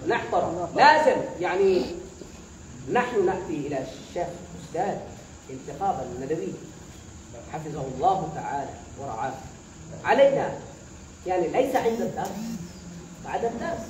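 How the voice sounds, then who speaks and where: Very animated and fairly quick, with long pauses, a high-voiced Bangladeshi student urges his classmates on in a motivational speech. He draws answers from the audience call-and-response style, captured from afar in an echoey, noisy room.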